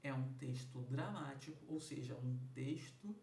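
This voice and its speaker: A man teaching an exam review lesson, who slows down and stresses words loudly when breaking them into sounds. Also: vocal fry. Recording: echoey room, mic at a distance, faint rumble.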